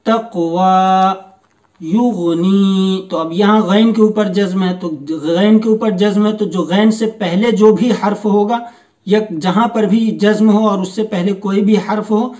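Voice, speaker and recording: A man teaching Quran reading, slowly reading each word aloud and patiently explaining the rules. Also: high-pitched, fairly even intonation, darkish tone, distant mic. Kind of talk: slow step-by-step recitation lesson.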